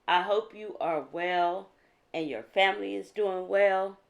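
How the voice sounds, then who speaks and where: A woman from South Carolina chatting casually to camera as a nail vlogger, her voice deep and froggy from just waking up. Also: a little slow, creaky. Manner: relaxed, chatty, with fillers. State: deep morning voice.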